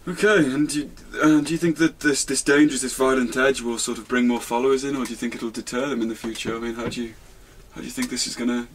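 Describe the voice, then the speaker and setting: A polite, mildly stuffy radio host asks probing questions, hesitating and restarting now and then, played by a man. His voice sits at a middling pitch. It is an improvised comedy interview. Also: steady tone, fast, few pauses, slight background noise, lightly acted.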